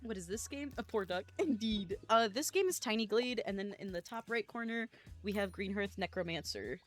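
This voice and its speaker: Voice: mid-range voice, lively intonation, moderate pace. Chatty streamer over game music. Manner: chatty, giggly, self-deprecating, talks to chat while playing. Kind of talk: casual game-streaming chat.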